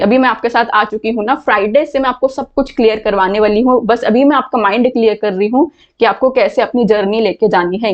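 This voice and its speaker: A woman with a fairly high voice gives an online English lesson. She explains patiently and repeats words so her students can hear how they sound. The audio is muffled and lo-fi. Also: a little mellow. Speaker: English teacher. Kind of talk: online class lecture.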